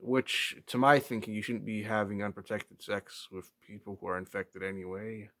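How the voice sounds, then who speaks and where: Halting man with a lowish voice. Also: little pitch movement, fairly bright tone. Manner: hesitant, halting, searching for words. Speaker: vlogger. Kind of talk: rambling casual opinion talk.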